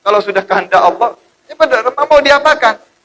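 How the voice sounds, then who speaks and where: A man's voice: very high-pitched, expressive, a little fast, sharp tone, voice pushed up, heavily acted, rough recording. A man voicing the devout first man, earnest and firm in refusing. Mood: resigned.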